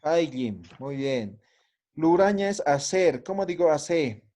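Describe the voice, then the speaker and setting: Slow, patient male language teacher. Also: on the high side, animated, warm tone. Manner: patient, checks understanding with frequent tag questions. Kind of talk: classroom lesson.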